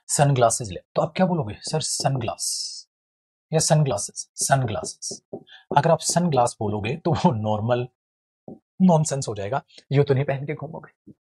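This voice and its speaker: A man teaching English grammar in a lively, joking classroom lecture, calling his students friends and brothers. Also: medium pitch, breathy edge.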